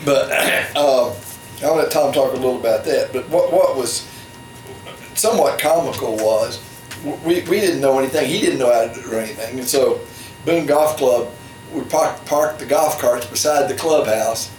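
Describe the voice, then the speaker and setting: An older man reminiscing casually over low-quality stream audio. He rambles a little, restarts sentences and adds dry asides. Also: moderate pace, a little mellow. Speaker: family storyteller. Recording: distant, echoey room, faint background noise.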